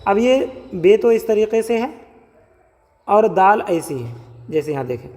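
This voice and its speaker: A man teaching how to write Urdu letters step by step, spelling out and repeating each letter sound slowly. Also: high-pitched, big pitch swings, a little mellow. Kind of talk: step-by-step writing lesson. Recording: long hall reverb.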